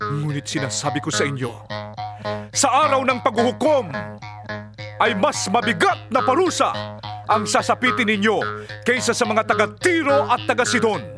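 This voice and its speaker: An actor playing Jesus in a dramatized scripture reading, a solemn, fervent preacher speaking with deliberate, declamatory authority. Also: male voice, very high voice, expressive, over music. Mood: stern, lamenting.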